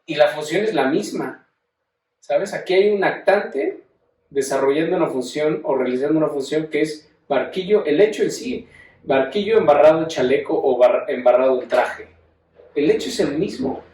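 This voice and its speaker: Mexican male teacher, slightly high voice, chatty lecture, recorded from across an echoey room. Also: lively intonation, moderate pace, darkish tone, a little hiss or hum. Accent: Mexican Spanish. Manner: conversational, explaining with tag questions. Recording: echoey room, mic at a distance.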